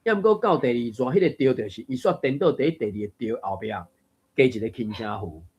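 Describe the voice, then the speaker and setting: Husky man hosting a reading group. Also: medium pitch, lively intonation, fairly quick, dull audio. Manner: explanatory, musing, with chuckles. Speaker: host of a Taiwanese reading group. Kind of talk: casual discussion of a book reading.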